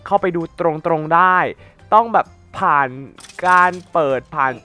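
A young man with a higher-than-usual voice, slightly stuffy from a cold, narrating his gameplay in a loose, rambling way. He speaks directly to his audience in easy asides. Faint game music plays softly behind him. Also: a little slow. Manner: chatty, addresses viewers directly, rambling asides. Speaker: gaming YouTuber. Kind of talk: casual gameplay commentary.

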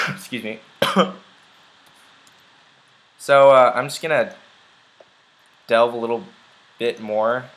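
A man's voice: medium pitch, steady tone, slow, long pauses, fairly bright tone, poor audio. A young man chatting casually while playing a video game, rambling along with lots of ums and uhs. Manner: rambling, chatty, many fillers. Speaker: let's play gamer. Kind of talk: casual gameplay commentary.

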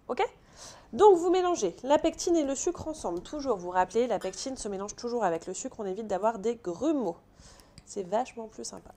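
A pastry instructor with a medium-pitched, darkish voice runs a live online baking class from her kitchen. She chats and jokes with viewers and keeps checking in with "ok?".

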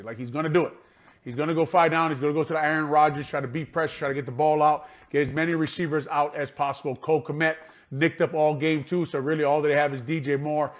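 A man's voice: a little high, lo-fi sound. A man giving postgame radio analysis, sounding frustrated, repeating himself and restarting sentences as he talks. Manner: frustrated, repetitive, restarts often.

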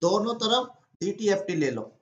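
A man's voice: high voice, big pitch swings, moderate pace, fairly bright tone, echoey room, lo-fi sound. A man teaching an exam-prep lesson, walking through each step by asking himself questions and then answering them.

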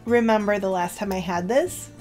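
A woman's voice: mid-range voice, normal speed, a little mellow, soft background music. A young woman vlogging casually to camera, chatty and full of "like", emotional and close to tears. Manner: chatty, with filler "like" and self-corrections. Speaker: beauty vlogger.

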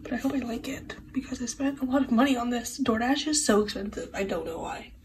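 A woman's voice: on the high side, quick pace, slight background noise, low-quality recording. A young woman chatting casually in a home vlog, her voice nasal and congested from a cold, rambling and often dropping to a half-whisper. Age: young adult. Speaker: vlogger. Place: at home, indoors.

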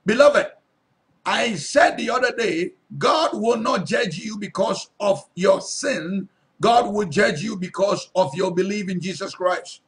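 A man with a high voice preaches at a somewhat slow pace. As a pastor teaching scripture, he reads verses aloud, goes back over them with emphasis, and repeatedly asks his listeners if they are listening.

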